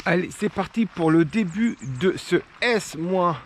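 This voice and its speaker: This French man vlogs casually while running hill repeats outdoors in the rain, chatting to the camera between climbs. His voice is high, and he takes his time speaking.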